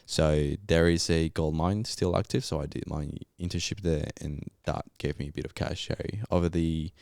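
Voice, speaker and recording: Speaking at a moderate pace with fairly even intonation, this young man has an extremely low, darkish voice. He's a Colombian geologist and native Spanish speaker on a podcast, telling his story in a laid-back, slangy Australian manner, recorded dry at studio quality.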